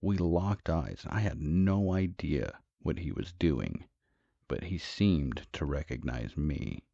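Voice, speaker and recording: Gravelly deep-voiced horror narrator. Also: male voice, lively intonation, mellow, no echo. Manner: measured, dramatic. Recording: dull, dry, lo-fi.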